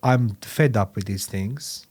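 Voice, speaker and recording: A man in his fifties hosting a podcast interview, rambling and repeating himself, turning loud and emphatic when he makes a point. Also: on the low side, slow pace. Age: 50s. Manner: rambling, repeats "you know what I mean", non-native phrasing. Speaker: podcast host. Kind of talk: conversational interview.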